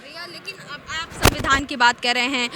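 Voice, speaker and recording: A woman reporter interviewing people on the street. She asks quick, probing follow-up questions. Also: high-pitched, noisy background.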